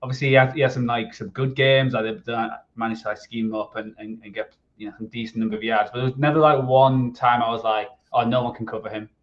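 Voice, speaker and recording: A man's voice: mid-range voice, fairly even intonation. Rambling man with dull lo-fi sound. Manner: rambling, halting restarts. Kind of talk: casual sports podcast chat.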